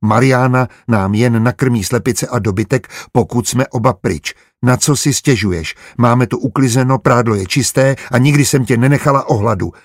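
A man voicing a sharp-tongued, stubborn young merchant wife in an audiobook, blunt and quick to argue. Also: mid-range voice, lively intonation, breathy edge, no room sound, clean studio sound. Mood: indignant. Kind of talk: audiobook character voice.

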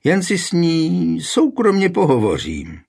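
A man voicing a cool, commanding high royal official questioning a suspect in a historical storybook reading. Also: wildly swooping pitch, creaky, darkish tone, slightly rough, heavily acted. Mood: stern, calm. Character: stern calm high royal official, middle-aged man.

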